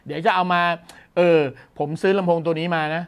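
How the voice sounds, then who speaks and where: A man's voice: a little high, fairly even intonation, brisk, clear, resonant tone. A man hosting a tech news show, explaining a gadget in a casual, enthusiastic way and exclaiming often.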